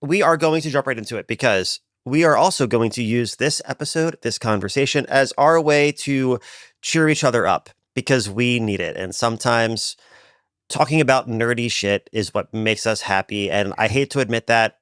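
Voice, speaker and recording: A tired man co-hosting a podcast, talking in animated bursts with fillers and restarts. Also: mid-range voice, moderate pace, dry recording, clean studio sound. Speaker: podcast co-host. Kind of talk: casual chat.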